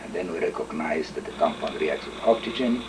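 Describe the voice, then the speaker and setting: An older man from Estonia, his first language Estonian, recalling his career in an interview, measured and hesitant with frequent fillers and throat clearing. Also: a bass voice, lively intonation, distant mic, very noisy. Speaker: interviewee, chemist. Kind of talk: oral history interview.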